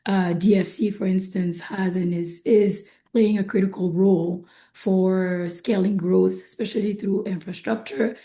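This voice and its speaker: A woman speaking as a panelist on an online discussion, her voice hoarse and not its usual sound, talking in a measured way and often checking in with "right?". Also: mid-range voice, steady tone, mellow. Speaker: panelist from an investment firm. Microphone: video call.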